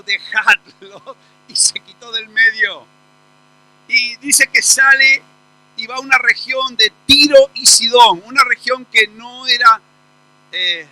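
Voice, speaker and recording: A man's voice: high voice, poor audio. A male pastor, preaching a sermon in a church. He tells stories with lots of emphasis. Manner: storytelling, animated and emphatic.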